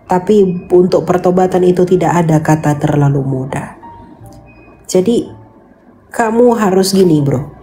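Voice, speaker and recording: A woman's voice: fairly low pitch, dark tone. A woman giving casual faith counseling, earnest and coaxing, repeating her points and mixing in English phrases.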